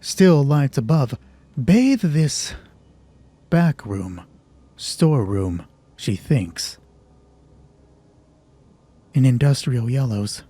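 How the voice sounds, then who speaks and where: A very animated man with a medium-pitched, dark voice speaks extremely slowly, pausing often. He's hosting a solo tabletop roleplaying game, narrating the story and explaining rules in a conversational style, thinking aloud with self-deprecating humor.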